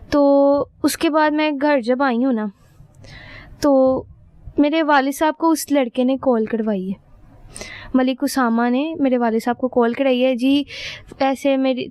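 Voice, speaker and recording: Smooth-voiced young woman. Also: high-pitched, darkish tone, no room sound. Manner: earnest, rambling retelling with frequent checking-in fillers. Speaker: interviewee recounting a crime. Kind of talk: personal testimony in an interview.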